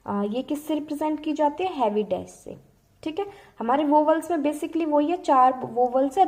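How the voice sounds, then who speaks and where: A woman leads a shorthand lesson in a patient, repetitive way and checks often that the class is following. Her voice sits fairly high but sounds soft and mellow. She asks questions and answers them herself as she explains. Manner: patient, repeats and checks understanding with frequent "ठीक है". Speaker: shorthand teacher.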